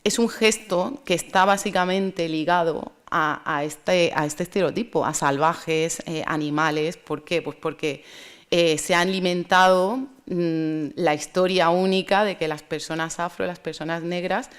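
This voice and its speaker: A woman speaking at a conference, lecturing in a measured, thoughtful way with pauses and restarts. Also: low-pitched, clean tone.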